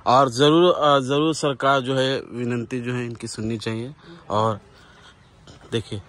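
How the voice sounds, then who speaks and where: A man's voice: medium pitch, level tone, a little slow, a bit bright. A man filming a walking tour on his phone outdoors, chatting and pointing things out as he goes. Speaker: vlogger and interviewer. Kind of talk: walking tour vlog commentary. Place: outdoors walking around an old bungalow compound. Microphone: phone camera held by the speaker.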